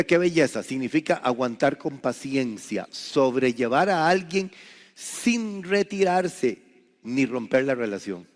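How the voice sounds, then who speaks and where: A male pastor from Costa Rica preaching a sermon, swinging from loud, high emphasis down to quiet, low asides. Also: long reverb tail.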